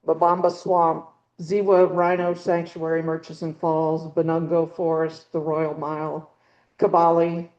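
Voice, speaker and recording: Presenting slides at a birding club meeting before a small audience, a middle-aged woman speaks casually, rambling and restarting with many ums. Her low, darkish voice has little pitch movement and an unhurried pace. Her handheld or clip microphone's battery is dying, and the high frequencies are missing.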